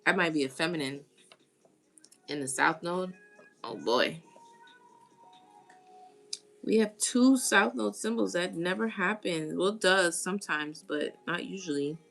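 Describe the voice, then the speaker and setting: Woman, lower voice with a gravelly edge, casual live-stream tarot host who chats with viewers. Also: expressive, a little slow, long pauses, a bit bright, faint music behind. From United States. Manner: chatty, greets viewers and reads comments aloud. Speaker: tarot reader.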